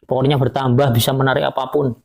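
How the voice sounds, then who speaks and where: A man's voice: mid-range voice, level tone, fast, vocal fry, darkish tone. A man leads a spiritual ritual session, giving firm commands and chanting prayers with repeated invocations. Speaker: spiritual healer.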